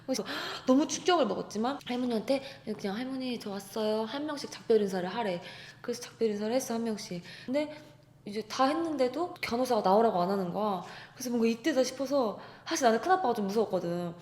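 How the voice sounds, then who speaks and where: A woman telling a personal faith story in casual chat, animated and acting out the quoted voices. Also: fairly high pitch, quick pace. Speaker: guest. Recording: echoey room.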